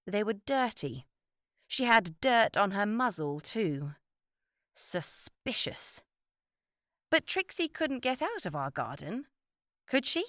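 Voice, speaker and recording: Lively woman reading a children's story. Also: medium pitch, a little slow, no room sound, studio quality. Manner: expressive, lively read-aloud. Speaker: narrator.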